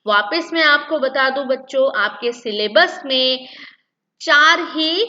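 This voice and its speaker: A woman's voice: sits high, animated, takes it slowly, sharp tone, dull audio. A woman teaching a lesson to children, repeating key points and asking then answering her own questions. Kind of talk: classroom-style lesson for children.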